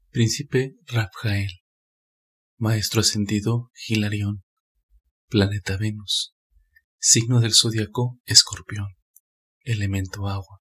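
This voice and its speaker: A man calmly reading a scripted spiritual narration in a measured, steady way. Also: on the low side, slightly rough.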